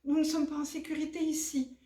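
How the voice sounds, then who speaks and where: An anxious little fish son speaks earnestly and with urgency, as a woman storyteller plays him. His voice sits a bit higher than the narration. The sound is roomy and off-mic. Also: little pitch movement, brisk, dark tone, lightly acted. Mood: urgent. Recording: roomy, distant recording.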